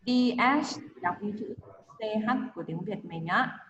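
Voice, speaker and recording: A woman's voice: on the low side, normal speed, fairly bright tone, slight background noise. Woman teacher drilling pronunciation in an echoey call. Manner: explains and drills pronunciation, modeling words for students to repeat. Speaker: English teacher. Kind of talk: online class teaching. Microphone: video call. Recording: roomy, long echo, dull lo-fi video call audio.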